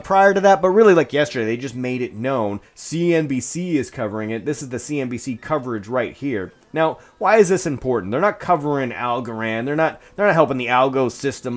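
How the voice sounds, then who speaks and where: A man hosting a casual solo news vlog, chatty and excitable, with plenty of fillers and quick asides. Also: on the high side. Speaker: crypto news host.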